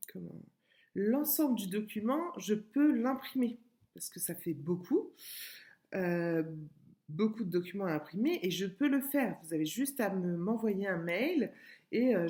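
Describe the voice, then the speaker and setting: Patient woman teacher, slow and lively in pitch, for a recorded early-school lesson. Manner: slow, patient, spells out syllables and repeats words. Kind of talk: remote classroom lesson video.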